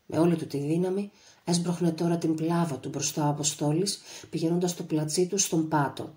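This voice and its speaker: Low-voiced woman reading an audiobook. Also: fairly even intonation, dark tone. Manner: measured, dramatic reading. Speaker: audiobook narrator. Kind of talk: literary audiobook narration.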